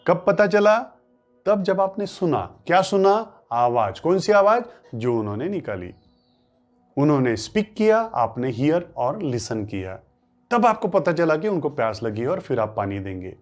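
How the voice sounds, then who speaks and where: A man whose first language is Marathi teaches a classroom-style spoken English lesson in Hindi, with soft music in the background. His fairly high voice is sing-song and measured; he poses questions, answers them himself, and repeats phrases for emphasis.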